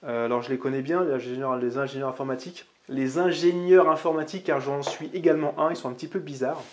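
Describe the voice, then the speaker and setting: A man's voice: mid-range voice, fast, a little hiss or hum. A man hosting a casual vlog, recommending books in a chatty, upbeat way and talking straight to the viewer. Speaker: channel host reviewing books. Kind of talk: casual vlog talk to camera.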